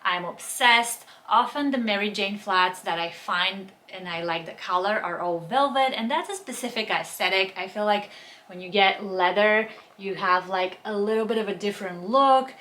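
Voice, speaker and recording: A woman's voice: medium pitch, sharp tone. A young woman from Bulgaria, speaking, chatting enthusiastically through a fashion haul and try-on. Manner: chatty, enthusiastic product descriptions. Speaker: fashion vlogger. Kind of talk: casual haul and try-on talk.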